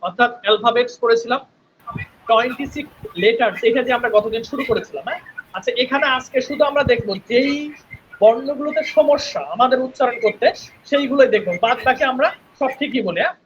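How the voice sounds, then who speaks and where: Teaching an online spoken English class over headphones on a video call, a man with a very high-pitched voice patiently repeats sounds slowly and checks in with his students by asking "right?" The audio has its highs cut off and slight background noise.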